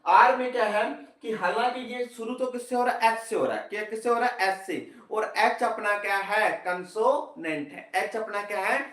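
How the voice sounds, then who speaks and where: A man's voice: high-pitched, normal speed, few pauses, a bit bright, distant mic. A man teaching an online grammar class. He asks the class a question and then answers it himself, and he repeats every point. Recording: echoey room, voice from off-mic.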